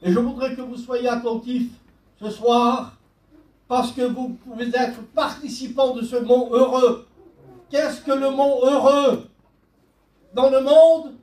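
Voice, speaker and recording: A male pastor preaching with a very high voice and an unhurried, deliberate delivery. He quotes scripture line by line. The sound is roomy and picked up from some distance, like a mic across a church hall. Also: a little mellow. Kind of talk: sermon.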